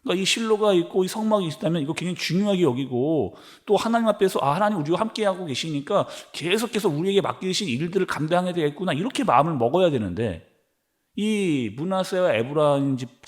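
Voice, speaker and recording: A man preaches in a church sanctuary at an early-morning service. His voice sits high and swings widely in pitch. He slips into character to act out quoted complaints before pressing his point with emphatic peaks. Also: expressive, fast talker. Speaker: pastor.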